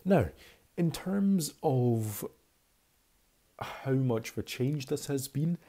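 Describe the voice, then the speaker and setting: Slow-paced and animated, a mid-range voice with a dark tone carries the chatty, candid voice-over of a twenty-year-old Scottish man commenting casually on a video.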